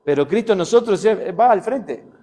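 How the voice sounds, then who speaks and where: A man's voice: high-pitched, animated, moderate pace, dark tone. A man preaching a sermon with a Rioplatense accent, talking conversationally with rhetorical questions and anecdotes. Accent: Rioplatense Spanish. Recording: long hall reverb.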